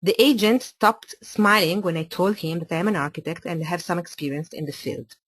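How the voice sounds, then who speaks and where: This woman is an Italian architect giving a webinar in careful English that halts slightly, her native Italian accent audible. She has a lowish, slightly rough voice that's a bit bright, and the recording is dry.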